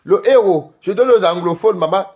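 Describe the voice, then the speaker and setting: Hosting a live stream, this Cameroonian man, who has a Cameroonian French accent, chats with viewers, animated and gossipy, rambling along with frequent laughter. His voice sits high and moves at normal speed.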